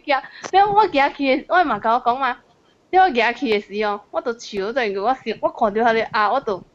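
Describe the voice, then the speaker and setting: Woman, casual chat, giggly, halting, high voice, muffled audio. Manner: giggly, halting, repeats herself.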